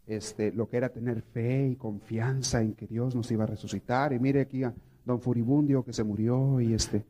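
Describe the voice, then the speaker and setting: A man, a priest, teaching a prayer course to a live group, telling stories and asking his listeners questions. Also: mid-range voice. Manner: animated storytelling, asks the audience questions.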